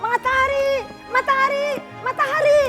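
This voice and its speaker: A woman's voice: moderate pace, over music. A woman voicing an eager little boy in a children's story, calling out and repeating himself. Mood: excited. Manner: eager, high, repeating calls.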